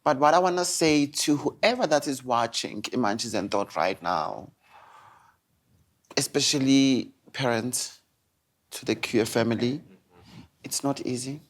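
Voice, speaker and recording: A man's voice: mid-range voice, lively intonation, unhurried, pauses often. A man with a mid-range voice hosts a talk show at a dinner table. He speaks earnestly and with feeling, turning to address viewers directly. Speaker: host. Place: indoor dining room set at a table.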